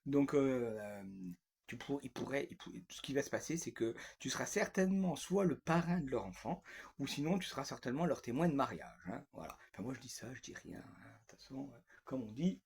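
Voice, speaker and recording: A man's voice: medium pitch, expressive, brisk, gravelly, a little mellow. Grumpy sarcastic man rambling. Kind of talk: unscripted comic monologue.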